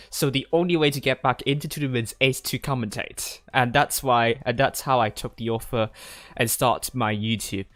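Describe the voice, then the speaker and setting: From his gaming chair at a desk, a young man from Hong Kong, who streams games and commentates tournaments, answers viewers in a relaxed, halting ramble full of repeated words. His voice is mid-range and a bit bright, studio quality with no room sound.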